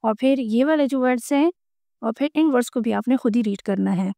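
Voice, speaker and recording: A woman explaining a school textbook lesson, reading the English lines slowly and then explaining them in Urdu. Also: a little high, creaky, dark tone, no echo, clean studio sound. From Pakistan. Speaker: teacher.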